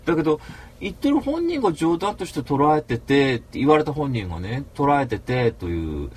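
Rough-talking man on an animated rant. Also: a little high, normal speed. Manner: rambling, rough-spoken, flares up into mock rants. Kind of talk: casual monologue.

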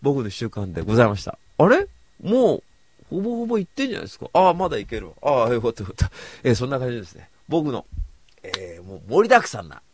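A man's voice: mid-range voice, big pitch swings, fast, a little mellow, breathy edge. A man hosting a radio show alone, chatting casually in a rambling, self-mocking way. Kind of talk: casual solo radio talk.

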